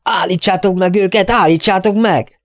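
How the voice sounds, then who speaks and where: A man voicing a small, eager elderly English lord who talks in high, excitable exclamations. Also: dry recording, studio quality, natural voice. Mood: shouting.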